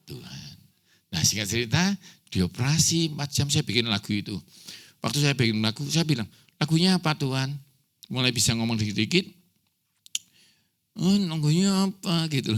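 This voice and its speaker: A man's voice: mid-range voice, animated, normal speed, long pauses. A man preaching a sermon as pastor, telling a personal story with acted dialogue, close to tears.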